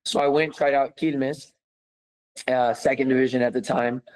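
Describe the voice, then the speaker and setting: A young American former footballer tells his story in a casual interview, animated and laughing easily, with many fillers. His voice is medium-pitched at normal speed, and the recording is rough.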